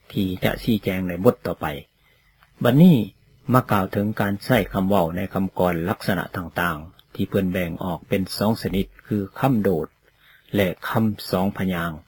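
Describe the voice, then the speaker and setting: A man giving a read-aloud lecture on poetry, slow and deliberate, sounding out example words one at a time. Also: fairly low pitch, slightly rough. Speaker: teacher of poetry.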